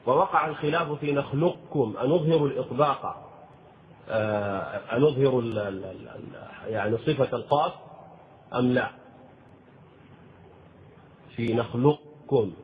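A man teaching the rules of Quran recitation, explaining slowly and deliberately and chanting short verses as examples. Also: medium pitch. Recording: tinny phone-like audio with faint noise.

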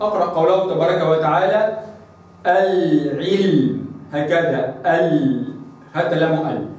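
An Egyptian man leads a lesson on pronouncing recited Arabic. His voice sits a little high and carries from some distance off the mic. It rings through a very echoey room, and he stretches out each example word with slow, deliberate care. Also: darkish tone. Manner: slow, deliberate demonstrations with drawn-out recited words. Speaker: Quran recitation teacher. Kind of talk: instructional lesson on letter articulation.

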